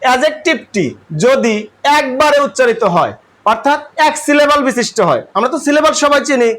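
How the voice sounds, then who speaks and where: A man's voice: very high voice, expressive, fairly quick, a bit bright. A man with a Bangladeshi accent teaching English grammar to a class, asking questions and repeating the answers.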